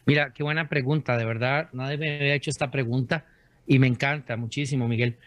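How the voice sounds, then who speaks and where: Man, earnest faith storytelling, mid-pitched voice, dry close sound. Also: fairly even intonation, fast, no room sound. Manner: earnest storytelling, many restarts. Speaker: author and guest. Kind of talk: faith-based interview.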